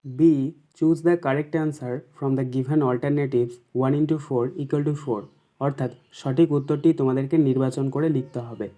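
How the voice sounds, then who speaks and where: A man with a West Bengal accent teaching an exam paper, reading each English question slowly and then explaining it quickly in Bengali. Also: medium pitch, steady tone, warm tone. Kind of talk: exam paper walkthrough lesson.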